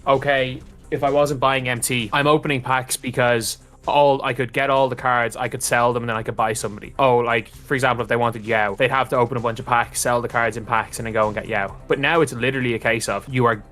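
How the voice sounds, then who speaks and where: A man's voice: mid-range voice, steady tone, fast, a bit bright, faint music behind. A man in a casual discussion, laying out points in a matter-of-fact, analytical way.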